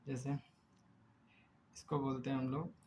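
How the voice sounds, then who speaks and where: A man teaching a chemistry lesson. He explains step by step, asks himself rhetorical questions, draws chemical names out slowly and often corrects himself mid-word. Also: medium pitch, flat delivery, noisy background. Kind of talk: recorded lecture.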